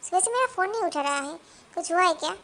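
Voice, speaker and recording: A woman voicing a calm, polite young man in a fan-dubbed drama, speaking soothingly. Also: very high-pitched, quick pace, heavily acted.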